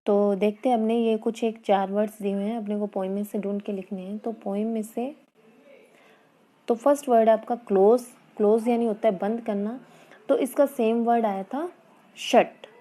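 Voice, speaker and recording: A woman's voice: on the high side, fairly even intonation, dark tone. A woman teacher explaining an English poem lesson, asking her students questions and repeating key words. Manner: reads English lines slowly and carefully. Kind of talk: online class lesson in Hindi-English mix.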